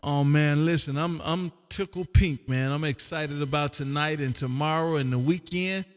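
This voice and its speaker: Livestreaming from a radio room at home, an amateur radio operator chats casually in an exuberant, folksy way. He speaks at normal speed with a voice on the high side, and the recording has a long, hall-like reverb.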